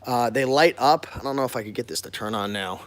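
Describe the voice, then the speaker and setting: A man's voice: mid-range voice, quick pace. An American man talking informally and directly to viewers in a casual walk-through vlog, as a business owner showing his workplace. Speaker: online reseller and business owner hosting a warehouse tour.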